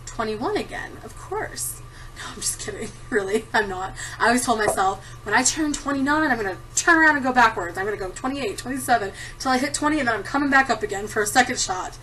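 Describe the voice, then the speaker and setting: A woman in her thirties, answering a tag video, chats casually to her computer's camera mic at a desktop in a room at home, giggling a lot and rambling with plenty of ums. Her voice is a little high, fast and sharp-toned, with lively intonation. She sits far from the mic, so the poor audio carries slight background noise.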